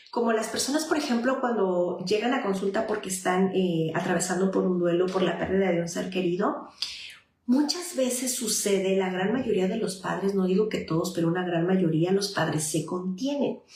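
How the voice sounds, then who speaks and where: A woman's voice: medium pitch, a little mellow. A woman psychologist giving parenting advice on a livestream and answering viewer messages, with frequent fillers and restarts. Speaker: child psychologist and parenting advisor. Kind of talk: live parenting advice talk. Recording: echoey room.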